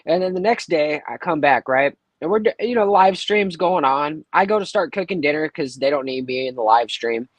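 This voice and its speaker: Fields: Sex: man. Role: livestream caller. Style: casual storytelling. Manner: animated, acts out quotes. Pitch: slightly high. Sound: dry, close livestream headset audio. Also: moderate pace, hardly any pauses, no echo, highs cut off. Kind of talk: casual chat, telling a story.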